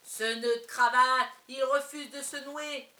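A woman's voice: high-pitched, steady tone, unhurried, pitched above the performer's own voice. Woman playing a blustering, furious storybook father. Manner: shouting, sarcastic, self-pitying. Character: pompous blustering father, middle-aged man, quick to rage.

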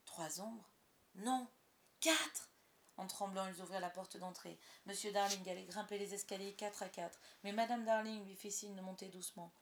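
Woman, audiobook narration, expressive storytelling, medium pitch. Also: normal speed.

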